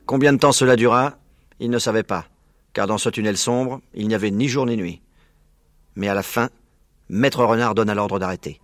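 A man narrating a children's story aloud, expressive and slowing down for suspense. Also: fairly low pitch, no echo, clean studio sound. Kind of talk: storybook reading.

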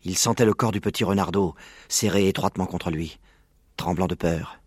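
A man calmly reading a children's story aloud. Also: low voice, normal speed, husky, no room sound, studio quality. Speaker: narrator.

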